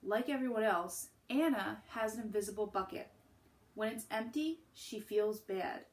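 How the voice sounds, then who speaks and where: A woman teacher reading a picture book to children and pausing to put questions to her listeners. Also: medium pitch.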